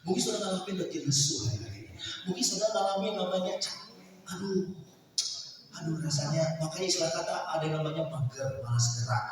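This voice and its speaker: Older pastor preaching in an echoing hall. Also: male voice, a little high, lively intonation, rapid-fire, over music. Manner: fervent preaching, swings from soft asides to loud outbursts, rhetorical questions. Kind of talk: sermon. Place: large church hall. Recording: echoey church hall, mic at a distance.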